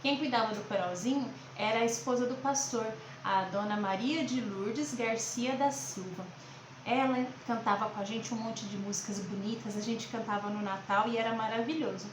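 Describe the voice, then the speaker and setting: A high-pitched woman with a Brazilian accent addresses young children as a teacher and host. She keeps her explanations simple and direct. The recording has a clearly echoing room and a little background noise. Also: normal speed. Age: late 30s to 40s. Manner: simple explanations with frequent check-in questions. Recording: roomy echo, faint background noise.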